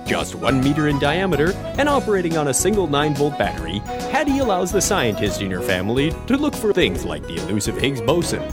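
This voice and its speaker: Man doing an animated infomercial pitchman. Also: loud music behind the voice. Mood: salesy, upbeat. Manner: infomercial announcer's hard sell with rushed disclaimers. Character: excitable male infomercial pitchman selling a gadget. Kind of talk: infomercial parody, scripted sales pitch.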